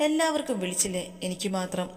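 A tender young wife, quick to sulk and tease, her lines a little higher than the reader's usual voice, as a woman reads her out. The storybook audio carries a long hall reverb. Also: lively intonation, lightly acted. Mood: sulky teasing. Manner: pleading, sulky, teasing. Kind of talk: storybook reading.

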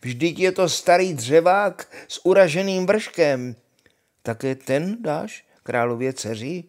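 A man's voice: on the high side, expressive, darkish tone, voice pushed up, natural voice. An older man reading aloud and voicing two scornful, learned young brothers who sneer at their sibling. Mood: mocking.

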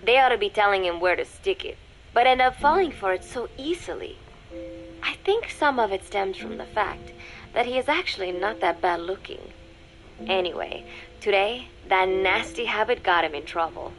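Game audio diary: a woman plays a quiet, formal teenage girl with a mid-pitched voice, low music underneath. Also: lively intonation, close to an everyday voice, low-quality recording. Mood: reflective. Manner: measured, formal, quiet with soft whispered dips.

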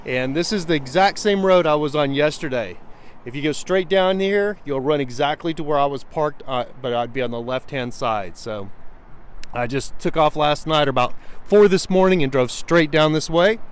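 A man in his forties chatting casually to viewers outdoors on a quiet road, filming himself with a handheld camera at arm's length. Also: on the high side, normal speed, clear, resonant tone. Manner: relaxed and chatty, talking to viewers. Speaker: vlogger. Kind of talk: casual vlog. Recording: faint outdoor traffic noise.

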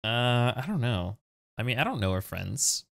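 A man's voice: medium pitch, big pitch swings, normal speed, a bit bright. A man giving casual let's play commentary, reading chat choices aloud, laughing often and swearing. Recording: keyboard typing noise clearly heard. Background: keyboard clicks and typing.

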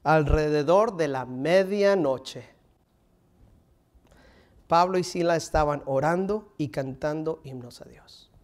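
A pastor in his thirties preaches from an indoor stage in front of a curtain, his voice fairly high. His delivery is animated and slow, with frequent pauses, as he pushes hard on strong lines and then drops to near whispers for hushed, intimate emphasis. A room mic captures him from across the stage.

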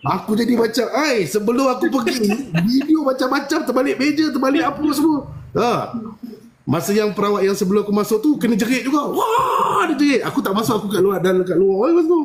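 A man, a spiritual healer telling a story in casual live-stream chat and acting out the dialogue with big jumps in his voice. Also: fast. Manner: animated, acts out dialogue with big pitch jumps.

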